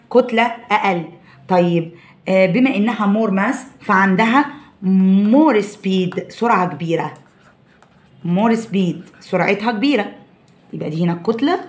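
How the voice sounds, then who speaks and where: A woman with an Egyptian Arabic accent, teaching a science lesson to children, mixing English terms into her explanations and checking often that they follow. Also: mid-range voice.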